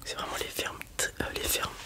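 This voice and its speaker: This ASMR roleplay features a man whispering breathily and fairly quickly as a breeder, explaining things in a casual yet hesitant way.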